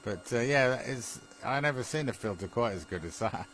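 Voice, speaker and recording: The British amateur radio man sounds lively here, mid-range and a bit bright, speaking fairly quickly. His casual tech talk remains halting and good-humoured, with phrases he keeps repeating.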